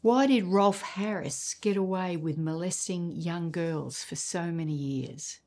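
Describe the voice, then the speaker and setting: Slow, low-voiced woman preaching a sermon. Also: a little mellow. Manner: emphatic, with dramatic pauses and repeated words.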